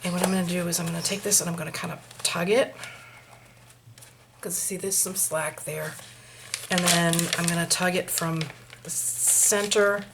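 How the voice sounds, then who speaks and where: Maine-accented woman, middle-aged, lowish voice, homey craft tutorial host; noisy recording with clicks. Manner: chatty, talks through each step, mutters asides to herself.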